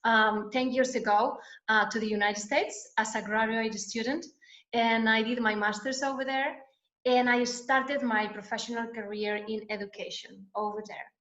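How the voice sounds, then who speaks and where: A woman's voice: on the high side, fairly even intonation, normal speed, fairly bright tone. A woman from Spain with a Spanish accent, a guest educator talking hesitantly with many fillers in an online interview. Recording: echoey, dull lo-fi call audio.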